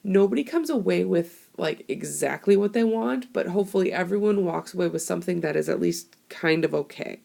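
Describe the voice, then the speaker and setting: With barely a pause, a young woman teacher rattles through a classroom screencast on history, animated and fairly quick. Her lowish, mellow voice has vocal fry and is hoarse from a cold. She explains chattily into a tablet microphone, using fillers.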